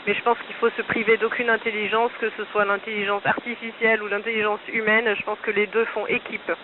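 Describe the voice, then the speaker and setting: A man's voice: high voice, flat delivery, fast talker. Man on a hissy radio link from space. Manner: patient explaining, closing each turn with radio protocol. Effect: noisy, narrow ham radio downlink from space. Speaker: astronaut answering students. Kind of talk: radio Q&A with a school. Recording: hissy phone-thin amateur radio link.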